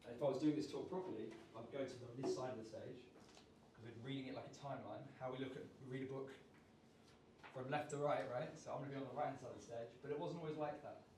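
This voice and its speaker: A man, leading a lively public speaking workshop and raising and dropping his energy on purpose. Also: medium pitch, fast, a little hiss or hum. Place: large room at a live workshop. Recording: roomy sound, voice from far off.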